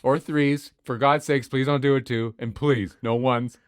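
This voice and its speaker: A man's voice: mid-range voice, steady tone, a little slow, clear, resonant tone, no echo, clean studio sound. A man co-hosting a podcast in casual chat, laid-back, swearing and trailing off with fillers. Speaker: podcast co-host.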